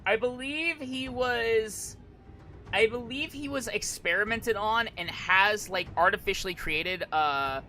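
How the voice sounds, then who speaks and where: A man's voice: high-pitched, unhurried, sharp tone, slight background noise. A man streaming casual live commentary, rambling and hesitant, often repeating and restarting his phrases. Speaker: streamer, virtual YouTuber.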